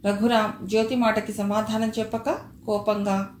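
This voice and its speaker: A woman narrating a story in a steady, expressive reading voice. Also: mid-range voice, moderate pace, a little hiss or hum. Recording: echoey room with faint ambience.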